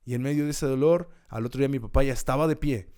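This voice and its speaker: A man's voice: mid-range voice, fast, a little mellow. A man hosting a podcast, giving an earnest, encouraging devotional talk and repeating key words with rising emphasis. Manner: occasional restarts and self-corrections.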